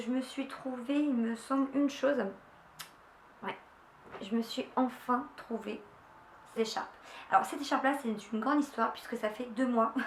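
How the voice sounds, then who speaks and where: A woman's voice: on the high side, slight background noise. Chatty young woman in an echoey room. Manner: chatty, enthusiastic, many fillers and restarts. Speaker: beauty vlogger. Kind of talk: casual haul video chat. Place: room at home. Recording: echoey room, faint ambience.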